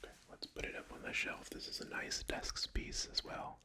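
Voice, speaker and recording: An ASMR creator whispering casual, unscripted rambles in short phrases during a finger-tapping show-and-tell. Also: moderate pace.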